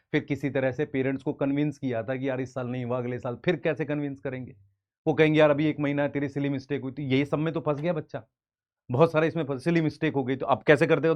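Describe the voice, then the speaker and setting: A man's voice: mid-range voice, darkish tone, highs cut off. A man in his thirties, a coaching teacher from India, giving earnest advice straight to camera. He calls his students "beta" and acts out their replies. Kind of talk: direct-to-camera advice talk.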